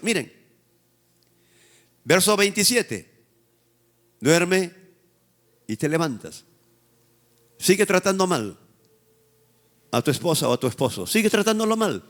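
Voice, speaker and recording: A Peruvian pastor preaches with a high, ringing voice that swoops up and down with lively energy. He leads his congregation in call-and-response, having them echo his words, and prods them with teasing exhortation. The sound is that of a live church service. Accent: Peruvian Spanish. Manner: call-and-response preaching, has the congregation repeat after him. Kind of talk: sermon.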